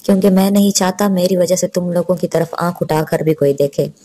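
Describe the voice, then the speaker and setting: A woman's voice: on the low side, fairly quick, mellow, close to an everyday voice. A woman voicing a stern, protective young man, the elder brother, in a storybook reading, speaking curtly and giving orders. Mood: firm.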